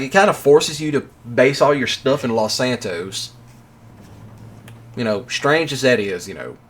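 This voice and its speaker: A man's voice: mid-range voice, a bit bright. A tired man rambling through a laid-back voice-over for his gaming video late at night, with yawns between thoughts. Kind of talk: casual voice-over commentary.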